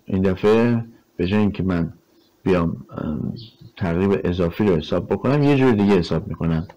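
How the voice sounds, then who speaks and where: A man's voice: fairly low pitch, darkish tone, poor audio. A man teaching a recorded math lecture, explaining step by step in a conversational way and asking himself rhetorical questions as he works. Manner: conversational, asks rhetorical questions, frequent fillers; explains step by step while drawing on a board.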